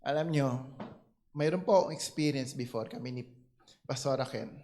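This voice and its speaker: A male pastor with a Filipino accent, preaching and telling a personal story with animated delivery and English phrases mixed in. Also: medium pitch, moderate pace.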